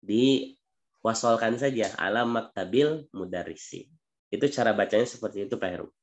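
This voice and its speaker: A man's voice: on the low side, moderate pace. A man teaching an online Arabic reading class, explaining patiently and repeating examples.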